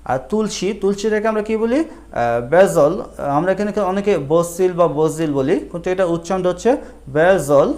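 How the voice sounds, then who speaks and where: A man teaching a vocabulary lesson, asking and answering his own questions in a slow, repetitive drill. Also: high-pitched, darkish tone.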